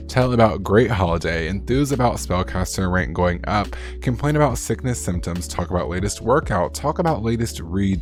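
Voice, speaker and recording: A man, a gaming YouTuber, giving a chatty, upbeat walkthrough of game mods and rattling off lists of features. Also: deep voice. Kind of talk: casual gameplay commentary.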